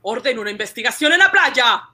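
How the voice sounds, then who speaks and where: A man's voice: extremely high pitch, expressive, fast talker, bright, forceful tone, slight background noise, exaggerated voice. A male actor playing a scornful, suspicious military colonel in an emphatic old radio drama style. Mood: skeptical.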